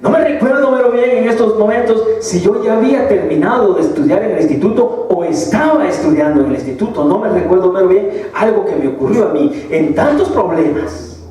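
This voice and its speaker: Rich: A man with a high voice gives a sermon testimony in a church, earnest and emotional, repeating phrases as he goes. His voice rings with heavy echo and sounds distant from the microphone, as if it were set at the back of the hall. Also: mellow. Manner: earnest, repetitive and emotional, with many restarts. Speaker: lay preacher. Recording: echoey church hall, mic far off.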